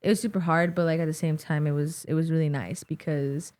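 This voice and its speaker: A young woman with a Mexican American accent speaks as a podcast guest in a casual interview, rambling and saying "like" constantly. Her voice is low, steady, brisk and somewhat dark. She's recorded on a boom-mounted studio mic in a small studio set with wooden tables.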